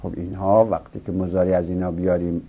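Male grammar teacher with a lowish voice, patient and repetitive lecture delivery, muffled lo-fi audio. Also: level tone. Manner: explains step by step, repeats rules, asks and answers own questions. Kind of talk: classroom lecture. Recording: dull lo-fi recording.

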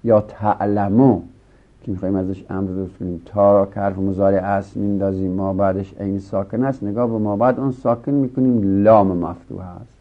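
A man teaching Arabic grammar in a lecture, explaining each rule step by step and answering his own questions. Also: lowish voice. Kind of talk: classroom lecture. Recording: dull lo-fi recording.

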